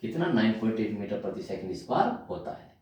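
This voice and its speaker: Animated man lecturing in an echoey room. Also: on the low side, fast talker. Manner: animated, calls out to students often, repeats terms while writing. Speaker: physics teacher. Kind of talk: classroom lecture. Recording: loud echo, from far off.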